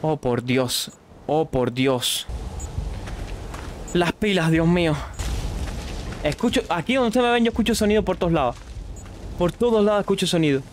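A man's voice: on the high side, lively intonation, moderate pace, pauses often, a little hiss or hum. A young man, commenting live on a horror game he is streaming, jumpy and panicky, shrieking when something scares him.

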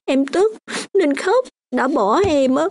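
A woman's voice: high-pitched, expressive, takes it slowly, darkish tone. A woman voicing a young orphan girl in a radio drama, stubborn and hurt, with a sulky insistence.

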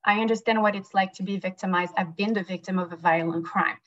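A woman's voice: medium pitch, steady tone, fast talker. A woman in her forties from France, with a French accent and French as her first language, giving an earnest, emphatic campaign speech as a candidate over a video call. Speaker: judicial candidate and prosecutor. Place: indoors, small plain room. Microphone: webcam on a video call. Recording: dull lo-fi video call audio.

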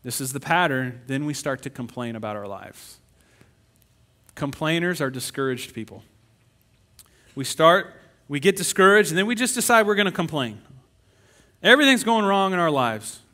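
Male pastor, middle-aged, bright higher voice, animated sermon delivery with put-on complaining voices. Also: normal speed, long pauses. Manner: animated preaching, acting out whiny complaining voices.

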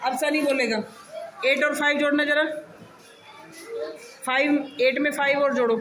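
A woman's voice: high voice, fairly even intonation, a little slow. A woman teaching young pupils in a classroom, patiently explaining step by step and coaxing answers with questions. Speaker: primary school teacher. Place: busy classroom. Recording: noisy classroom recording.

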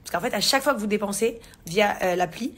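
An England-born vlogger in her thirties chats casually to her followers through a phone camera held at arm's length in a large living room. Her mid-range voice moves quickly, peppered with fillers, restarts and slang.

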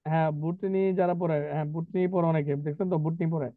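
A man's voice: a little high, steady tone, brisk, no room sound. A man teaching an online vocabulary class, drilling spellings and pronunciation with chatty asides. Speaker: English teacher. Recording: tinny dry online call.

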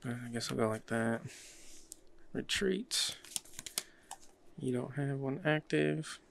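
A man's voice: mid-range voice, animated, takes it slowly, gravelly, a bit bright, slight background noise. A man hosting and playing a card game, thinking aloud in an easygoing way. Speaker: card game player and channel host. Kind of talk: casual play-by-play while playing a card game.

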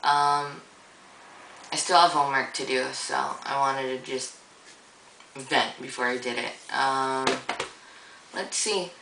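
A woman's voice: extremely low pitch, slow, pauses often, echoey room, recorded from a distance, background noise. A young woman vlogging in a rambling, casual way, full of fillers and easy swearing, with a groggy morning voice. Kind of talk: casual vlog monologue.

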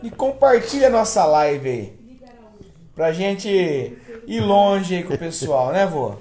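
A man's voice: high voice, lively intonation, slow pace, darkish tone. A young man with a Brazilian accent, hosting a family live stream with casual, teasing chat in a living room. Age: young adult.

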